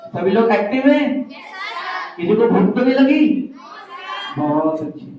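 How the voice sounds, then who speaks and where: A man telling a story and quizzing a class of schoolchildren, calling out questions to them in a lively way. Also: high-pitched. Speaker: school speaker teaching children. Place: school hall. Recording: very echoey hall, distant, dull mic.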